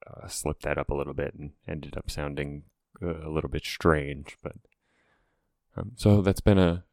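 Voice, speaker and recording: A man with a strikingly deep voice and very little rise and fall in his pitch. He talks in a halting, meandering way, casually introducing himself as a tabletop game player. The sound is dry, with no room echo. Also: darkish tone, smooth.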